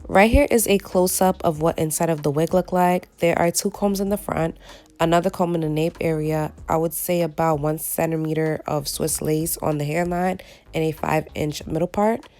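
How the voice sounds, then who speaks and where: Female beauty vlogger, low and gravelly, raspy from a cold, tutorial narration over background music. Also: steady tone, normal speed, warm tone. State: recovering from a cold.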